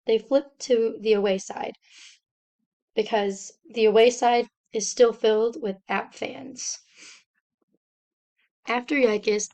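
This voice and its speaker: A young woman, a student, reading a slide presentation aloud in a steady, step-by-step explanatory way. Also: mid-range voice.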